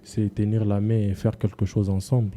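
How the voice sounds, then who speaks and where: A man's voice: lowish voice, little pitch movement, fairly quick, mellow, a little hiss or hum. A man from DR Congo with a Congolese accent, answering casually as a guest artist, hesitating and slipping between French and Swahili.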